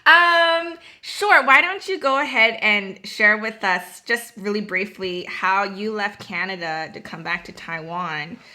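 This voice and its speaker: A woman's voice: medium pitch, measured pace, hardly any pauses, sharp tone. A woman in her thirties hosting an interview podcast, chatty and friendly with frequent fillers. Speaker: podcast host.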